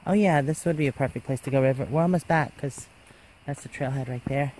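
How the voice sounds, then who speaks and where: A man filming a casual travel vlog outdoors on a hike, chatting easily and teasing his companions. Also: brisk. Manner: easygoing, teasing, talks to his dog in a higher voice. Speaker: vlogger. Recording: music playing underneath. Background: music.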